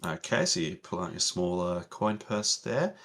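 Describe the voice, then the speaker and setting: A man narrating a tabletop game as game master in a relaxed, meandering way with many fillers. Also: low voice, normal speed.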